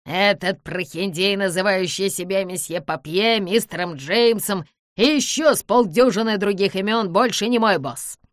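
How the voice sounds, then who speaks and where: A woman voicing a vengeful, gloating little old man who shouts and cackles in an audiobook. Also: medium pitch, moderate pace, no echo, clean studio sound, natural voice. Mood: bitter.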